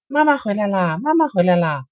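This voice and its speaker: A man voicing a group of excited little rabbit children in a storybook reading. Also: moderate pace, no room sound, clean studio sound. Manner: squeaky high chorus-like exclamations.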